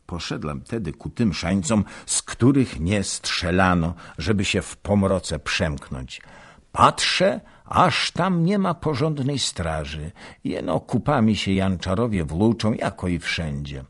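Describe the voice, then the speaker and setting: A man's voice: sits low, sing-song, slow pace, slightly rough, heavily acted. A man voicing a boastful, hearty archer-nobleman, telling his tale in an emphatic old-fashioned way, in a storybook reading. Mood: proud.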